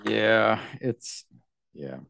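Male podcast co-host, lowish voice, hesitant, halting casual chat, dry close recording. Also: expressive, gravelly, fairly bright tone, dry recording.

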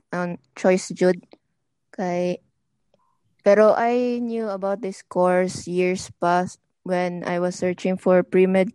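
Slow, mellow young woman. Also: on the low side, clean tone, no echo. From Leyte, Philippines. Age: young adult. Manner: slow, hesitant, mixes Cebuano into English. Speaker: student guest. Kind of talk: casual podcast chat.

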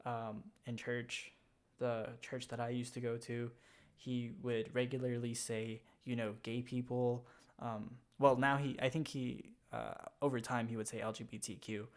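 A young man talking in a casual chat, rambling and halting with many fillers. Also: mid-range voice, flat delivery.

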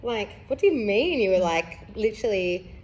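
A woman's voice: medium pitch, expressive, normal speed, darkish tone. A young woman, chatting candidly as a podcast host, rambling with lots of fillers and laughing through heavy subjects. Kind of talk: casual candid chat.

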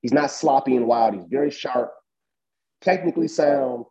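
A man's voice: mid-range voice, normal speed, creaky, lo-fi sound, a crowd in the background. A man co-hosting a boxing chat show, talking casually and emphatically with lots of fillers. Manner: animated, emphatic, heavy use of fillers. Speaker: boxing podcast co-host.

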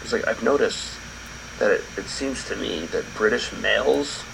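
A man co-hosting a podcast, talking in a relaxed, rambling way full of fillers and restarts. His voice sits low and has a gravelly rasp. An air conditioner hums clearly behind him. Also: normal speed, background noise. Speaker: podcast co-host. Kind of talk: casual chat.

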